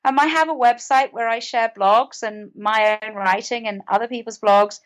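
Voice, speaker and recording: With a steady tone, moderate pace and a slightly high voice, a British woman from the United Kingdom answers as a podcast guest. She's an author and mental health advocate, earnest and conversational, repeating words as she goes.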